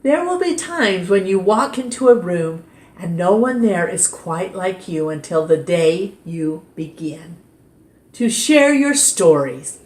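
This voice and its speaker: A woman reading a picture book aloud at storytime in a gentle, expressive way. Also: on the low side, slow pace. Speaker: storytime reader. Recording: roomy echo.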